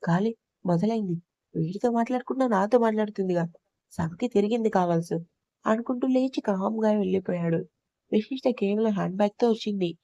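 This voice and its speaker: A woman storyteller narrating a love story aloud in a steady, plain manner. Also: medium pitch, a little fast, no echo. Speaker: audio storyteller.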